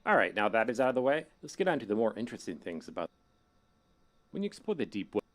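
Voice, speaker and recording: A man's voice: fairly low pitch, big pitch swings, fast. A man playing a casual, ominous hacker guide who narrates a horror game tutorial in a wry, instructional way. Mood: instructive, casual.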